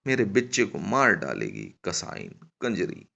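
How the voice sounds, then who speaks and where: A man voicing a furious, foul-mouthed nomad woman, shouting curses in a raised voice. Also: deep voice, huge pitch swings, a little slow, vocal fry, heavily acted. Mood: cursing. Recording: dull lo-fi recording.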